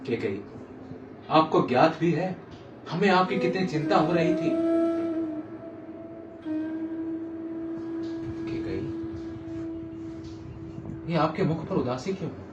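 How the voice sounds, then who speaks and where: A man playing a lovesick, anguished emperor in a Ramayana stage monologue, declaiming grandly to his sulking queen and swinging between hushed and loud delivery. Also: a little high, dull audio, lightly acted. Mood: worried, tender. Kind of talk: theatrical Hindi stage monologue from a Ramayana play. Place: theatre stage, with music behind the voice. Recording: echoey theatre hall, distant mic.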